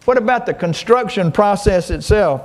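Man, pastor, high voice, preacherly, drawn-out emphasis, call-and-response. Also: animated. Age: older. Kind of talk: sermon.

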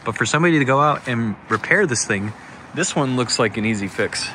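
A man's voice: medium pitch, expressive, a little fast, pushed and bright, slight background noise. A young man hosting a car vlog, talking chattily to a phone held at arm's length, first inside a parked car and then out at an auction lot. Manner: enthusiastic, chatty, thinking aloud. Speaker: vlog host. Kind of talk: casual walkaround vlog.

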